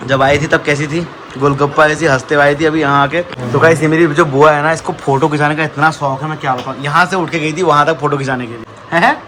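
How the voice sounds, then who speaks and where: A young man narrates his family vlog in a rapid, chatty stream, teasing relatives and calling out to viewers. His voice sits a little high, with a faint hiss in the background. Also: steady tone. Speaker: vlogger and travel company owner. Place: family homes and car, indoors and out.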